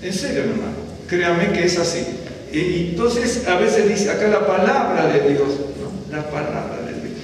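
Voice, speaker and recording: A man's voice: sits high, normal speed. A man, a rabbi, giving a sermon in a conversational way, asking his listeners questions and telling personal stories. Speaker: rabbi preaching. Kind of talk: sermon teaching. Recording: distant mic in echoey hall, faint noise.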